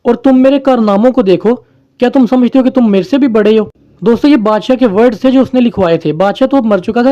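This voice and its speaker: Guy teaching a poem lesson, high voice, mellow tone, kinda muffled recording. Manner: mixes English terms into explanations, addresses viewers as friends. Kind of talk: explaining a poem to viewers.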